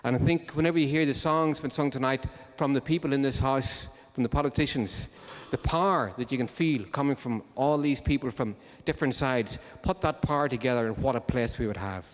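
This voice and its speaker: The man running a live music show entertains the concert hall audience with a droll, comic story. His medium-pitched voice moves fairly quickly with few pauses, and long hall reverb fills the recording.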